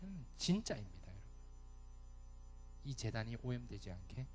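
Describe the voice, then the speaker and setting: Animated preacher with a Gyeongsang accent. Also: male voice, medium pitch, normal speed, slightly rough. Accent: Gyeongsang Korean. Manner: animated preaching, addressing the congregation and acting out quoted thoughts. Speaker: youth pastor. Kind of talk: sermon. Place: church sanctuary. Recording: long church reverb, faint music behind.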